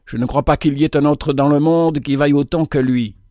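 A man's voice: fairly high pitch, fairly even intonation, fairly quick, mellow, dry recording, studio quality, natural voice. A man voicing a stern, strict old army sergeant, a war veteran who lectures his soldiers firmly. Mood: lecturing. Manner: firm, lecturing.

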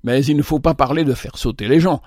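A man voicing a calm, sly male bookkeeper who speaks in an even, composed tone. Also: mid-range voice, fairly quick, no room sound, clean studio sound, natural voice. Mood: reasoning.

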